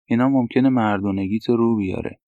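A man's voice: mid-range voice, no echo, lightly acted. A man voicing a frank male doctor who gives direct, matter-of-fact advice. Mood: advising. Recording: dull, dry lo-fi recording.

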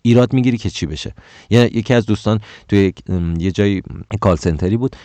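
Very deep-voiced man ranting about work. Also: mellow, no room sound. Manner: heated, exclaims and rises in pitch when indignant; many stammers and self-corrections. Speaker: speaker giving career advice. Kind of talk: casual advice monologue.

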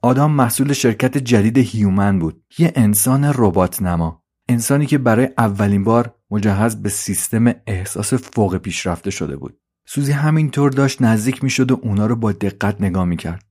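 Male narrator, calm measured audio-story read. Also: on the low side. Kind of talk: scripted narration.

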